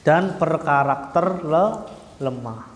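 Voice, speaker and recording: Male teacher, fairly high voice, slow patient delivery, sounding out arabic letters, echoey hall. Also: expressive. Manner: slow, patient, repeats each point with drawn-out "ya". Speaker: Quran recitation teacher. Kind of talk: religious lesson. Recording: echoey hall, roomy reverb.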